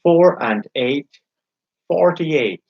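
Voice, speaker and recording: A man calling bingo, announcing each number in a measured, formulaic way, digit by digit and then in full. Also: fairly high pitch, expressive, gravelly, breathy edge. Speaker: bingo caller and host. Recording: dull, lo-fi sound.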